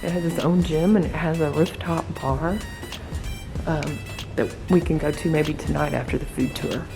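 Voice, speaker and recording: A woman's voice: sits low, steady tone, normal speed, vocal fry, music in the background. A woman travel vlogger chatting casually while driving and giving a hotel room tour on a handheld camera. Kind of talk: casual travel vlog chat.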